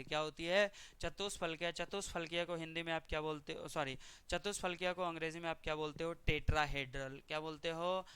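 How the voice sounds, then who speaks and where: Bright, clear man teaching chemistry. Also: fairly high pitch, no room sound. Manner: asks students questions and answers them himself. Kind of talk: exam-prep lesson.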